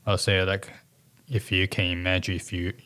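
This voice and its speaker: A low-pitched man from China talks in casual podcast chat. He sounds relaxed and explanatory, dropping "like" often as he goes. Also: moderate pace. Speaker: senior accountant.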